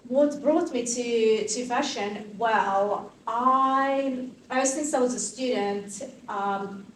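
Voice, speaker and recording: At a conference venue, a Croatian woman in her 30s, a fashion activist, answers interview questions in an animated, chatty way, thinking aloud with many fillers as she searches for words. Her medium-pitched voice comes from a distant mic in an echoey room, with light hiss.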